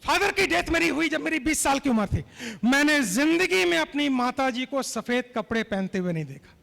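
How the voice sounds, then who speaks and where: High-voiced man giving a keynote speech. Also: very animated, moderate pace, gravelly, pushed and bright. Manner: storytelling, prompts the audience to respond. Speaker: keynote speaker. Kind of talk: motivational speech. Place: convention hall. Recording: hall reverb.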